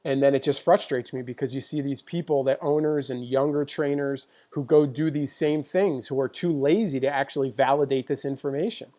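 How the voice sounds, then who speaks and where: A man's voice: mid-range voice, fairly even intonation, fairly quick, hardly any pauses, dark tone. A man who works as a dog trainer, talking to viewers on a live stream with passion and emphasis, often repeating his points. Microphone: computer mic for a live stream.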